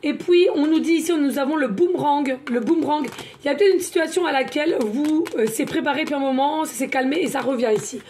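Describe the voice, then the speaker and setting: A woman doing a chatty tarot card reading, often repeating herself and filling pauses. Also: sits high, warm tone, a little hiss or hum. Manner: chatty, repeats words, many fillers. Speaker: card reader, medium.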